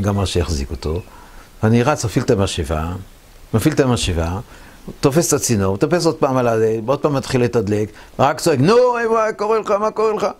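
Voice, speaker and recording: Older man in his 70s, low and gravelly, husky, a veteran telling war memories in vivid detail. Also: a little mellow. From Israel. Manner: vivid storytelling that acts out the voices of others. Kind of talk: recounting war memories in an interview.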